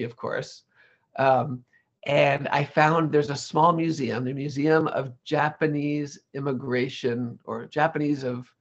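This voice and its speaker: Here the interviewee has a fairly high voice with vocal fry and a slight roughness, heard through lo-fi sound. A legal English lecturer, he reflects on his career in a casual interview, frequently breaking off and correcting himself.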